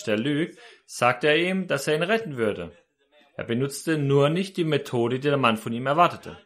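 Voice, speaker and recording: A man's voice: mid-range voice, fairly bright tone. A man preaching a sermon, telling a story and speaking directly to his listeners.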